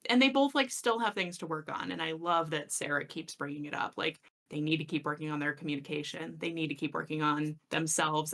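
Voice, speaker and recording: A woman co-hosting a book podcast, chatting casually and gushing about the story, with lots of fillers. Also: fairly low pitch. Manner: gushing, filler-heavy, quotes characters in an animated voice. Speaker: podcast co-host. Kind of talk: casual book discussion chat.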